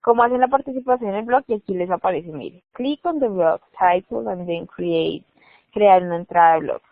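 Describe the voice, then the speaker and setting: A woman's voice: mid-range voice, moderate pace, dry recording. Teacher woman on a thin, dry line. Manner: instructive, checks in with "¿listo?". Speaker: English teacher. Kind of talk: online class screen walkthrough. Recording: dry, phone-like narrow sound.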